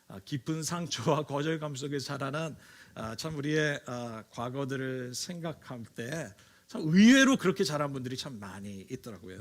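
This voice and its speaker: Animated Korean pastor preaching. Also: male voice, on the high side. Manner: animated storytelling, acts out quoted lines in raised voice; frequent hesitation fillers. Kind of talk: sermon.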